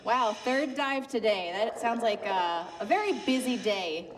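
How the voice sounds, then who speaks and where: A woman's voice: fairly high pitch, lively intonation, a little slow, over music. A woman presenter interviewing divers in a live aquarium presentation. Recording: echoey, distant, noisy public space.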